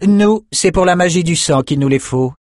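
A man's voice: on the high side, normal speed, darkish tone, no room sound, studio quality, pitched above the performer's own voice, lightly acted. A man doing a hissing female blood mage. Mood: cold. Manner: hissing, cold.

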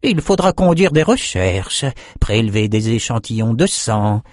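A man's voice: lowish voice, very animated, unhurried, darkish tone, no room sound, studio quality. A man reading an audiobook, voicing a proud, centuries-old male sorcerer who shapes creatures. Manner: proud, eager, self-satisfied.

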